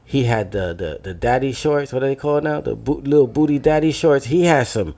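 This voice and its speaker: Gravelly yet warm, this medium-pitched male voice moves fairly quickly. A young Dominican American from New Jersey hosts the podcast, keeping things loose and profane with bits of Spanish mixed in.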